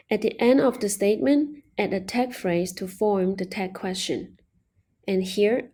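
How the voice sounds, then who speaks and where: A woman leads an online language lesson at an unhurried pace. Her voice is soft and mellow, and she patiently explains each step. She slowly models every example phrase. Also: mid-range voice. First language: Mandarin Chinese. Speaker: Chinese language teacher.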